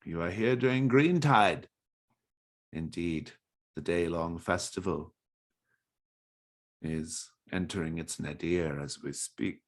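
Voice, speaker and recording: A man playing a gruff, sly old fisherman in a tabletop game, questioning strangers in a knowing, needling way. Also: low-pitched, slow pace, long pauses. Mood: sly, menacing.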